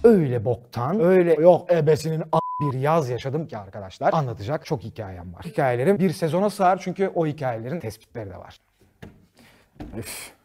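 A man hosting a comedy show, joking and cursing freely in an animated monologue, often laughing as he talks. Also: fairly high pitch, fairly quick, background noise. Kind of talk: stand-up style monologue to a studio audience.

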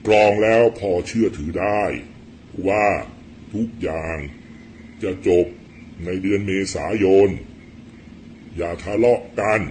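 A middle-aged man giving blunt, rough-spoken political commentary in a casual storytelling monologue. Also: low-pitched, slow pace, long pauses, darkish tone, slight background noise.

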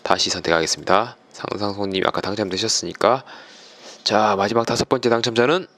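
A man's voice: fairly low pitch, steady tone, fairly quick, a bit bright. A man hosting a YouTube channel, presenting a giveaway winner announcement in polite, formal phrasing.

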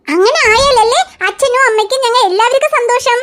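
A woman voicing a gentle aunt in a cartoon who patiently coaxes a child. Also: extremely high pitch, fairly quick. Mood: coaxing. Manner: soothing, persuasive coaxing. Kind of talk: cartoon voice acting.

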